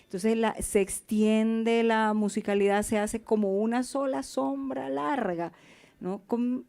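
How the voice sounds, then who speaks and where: In a café event in Cali, a woman hosts a poetry talk as a conversational interview, asking questions with many hesitations. Her voice is a little high, creaky and mellow, with fairly even intonation and a slightly slow pace.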